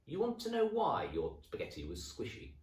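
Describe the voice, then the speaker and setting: A man voicing a nasty old hag wife, shrill and cackling, in a roomy recording. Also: huge pitch swings, normal speed, a little mellow. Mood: gloating. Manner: shrill and screeching. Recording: roomy echo, distant mic.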